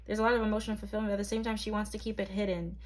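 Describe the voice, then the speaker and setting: A woman's voice: medium pitch, flat delivery, very fast. A young woman from Barbados, reading tarot cards to camera in a chatty, hesitant way full of ums and likes. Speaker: tarot reader.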